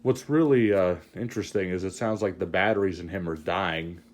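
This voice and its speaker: A man giving a casual, unscripted review as host, with halting, hesitant phrasing. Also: sits low, slight background noise.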